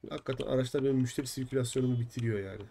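A young man streams a game live, talking loosely to his viewers and venting at every glitch with quick curses. His voice sits at an ordinary pitch with a dark, mellow tone. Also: vocal fry, slight background noise. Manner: frustrated, swears often, chats with viewers. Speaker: gaming streamer.

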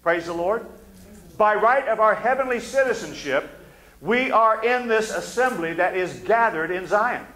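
An older man preaching a fervent sermon from a church pulpit, often sinking to low, intense tones between amens. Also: lively intonation, unhurried, pushed and bright. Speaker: pastor. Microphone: pulpit mic. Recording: echoey sanctuary.

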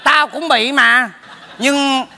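A man trades quick, mocking insults with his neighbor in a stage comedy sketch. His voice is high and bright. A long hall reverb hangs around it. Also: gravelly, a faint crowd. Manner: fast, mocking, teasing.

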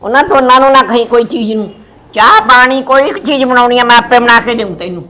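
A woman playing a sharp-tongued older village grandmother who scolds and comforts. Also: a little high, quick pace. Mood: soothing. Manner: scolding, then soothing.

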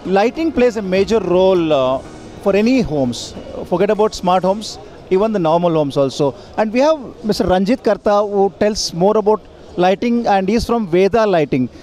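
A man, interviewing at an expo hall with halting, filler-heavy questions. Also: high-pitched, animated, darkish tone. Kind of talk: trade show interview. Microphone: handheld mic.

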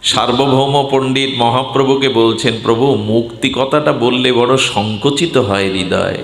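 A man preaching a devotional sermon to a gathering, who swings between high declaiming and low intoned verses. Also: unhurried. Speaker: Bhagavata reciter. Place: hall before a gathering. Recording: roomy hall with long reverb.

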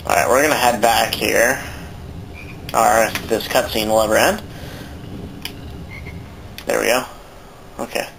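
A man's voice: fairly low pitch, steady tone, unhurried, creaky, long pauses, fairly bright tone, a little hiss or hum, poor audio. Rambling, cussing man doing game commentary. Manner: rambling, swears casually. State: sore throat. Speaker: let's play commentator. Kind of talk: casual gameplay commentary.

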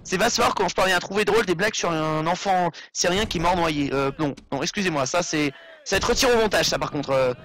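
Bright high-voiced young man gaming. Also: fast. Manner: rambling, joking, swearing, distractible. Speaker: let's play commentator. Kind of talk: casual gameplay commentary.

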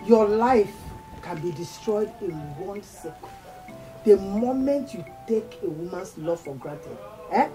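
An actress with a Nigerian accent playing a domineering, harsh middle-aged mother who shouts and scorns in a Nollywood film. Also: mid-range voice, lively intonation, measured pace, close to an everyday voice, low-quality recording. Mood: scornful lecture. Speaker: actor. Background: loud film score music.

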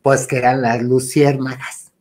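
A man's voice: medium pitch, little pitch movement, measured pace, darkish tone. A man with a Mexican accent telling a ghost story casually and animatedly, dropping to a whisper at the spooky parts. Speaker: guest storyteller.

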